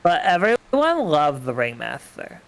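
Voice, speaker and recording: A man's voice: on the high side, expressive, moderate pace, gravelly, noisy background. A man voicing a sweet, girlish young woman in a cartoon princess manner, reading game dialogue aloud. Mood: earnest, wistful. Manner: dainty cartoon princess delivery.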